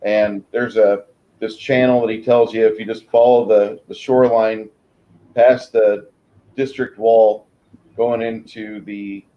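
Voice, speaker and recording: A man runs a tabletop role-playing game, describing scenes off the cuff. His voice sits a little low and he often pauses mid-sentence to find words. The sound is dull and muffled. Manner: halting, pausing mid-sentence to search for words. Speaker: game master. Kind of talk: improvised tabletop game narration.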